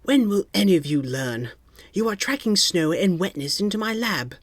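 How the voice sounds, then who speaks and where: A man's voice: sits high, big pitch swings, normal speed, no echo, pitched above the performer's own voice. A man voicing a fussy, cranky male gadget inventor who scolds huffily. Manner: grumpy, huffy.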